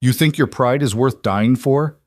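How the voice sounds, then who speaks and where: A man's voice: mid-range voice, a little slow, a little mellow, dry recording, studio quality, voice pushed up, close to an everyday voice. A man voicing a desperate, ruined middle-aged mayor in an audio story, snarling and bitter.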